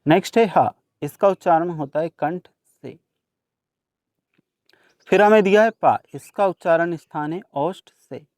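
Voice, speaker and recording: A young man with a slightly high, somewhat mellow voice patiently works through a workbook lesson, explaining each answer in turn at an unhurried pace. He addresses his students directly, and the recording is dry and close, with no echo or room sound.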